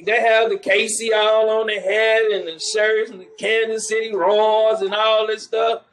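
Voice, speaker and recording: A man's voice: high voice, flat delivery, a little slow, fairly bright tone, low-quality recording. A man preaching in the street, mocking churchgoers and calling for the next verse to be read. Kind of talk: street preaching with scripture reading.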